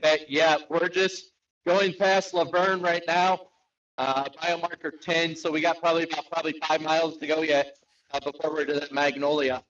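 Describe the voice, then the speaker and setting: A man giving a live field report as a storm chaser on the road, halting and repeating himself. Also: on the high side, level tone, fairly bright tone. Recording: dull, lo-fi remote connection.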